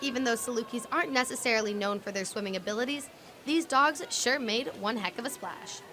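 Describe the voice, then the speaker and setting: Bright-voiced young woman news reporter. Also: on the high side, brisk. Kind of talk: scripted news narration.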